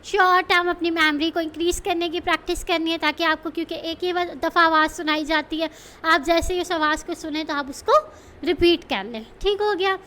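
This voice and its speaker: A woman's voice: very high-pitched, fairly even intonation, a little fast, pushed and bright. A woman tutor, explaining an English test in a casual lesson, mixing English terms into her speech and asking her viewers rhetorical questions. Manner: explains with many rhetorical questions and check-ins.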